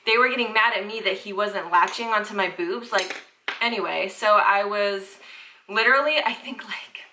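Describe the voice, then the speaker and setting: A woman's voice: mid-range voice, normal speed, background noise. A young woman, chatting casually to camera as a parenting vlogger, filling her talk with "like". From Southern United States. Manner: chatty, fills talk with "like" and "freaking".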